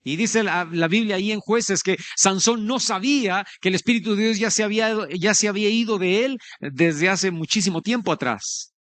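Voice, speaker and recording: A man's voice: high voice, moderate pace, few pauses, fairly bright tone, dry recording. A man preaching a sermon as pastor, earnest and conversational, speaking straight to his listeners.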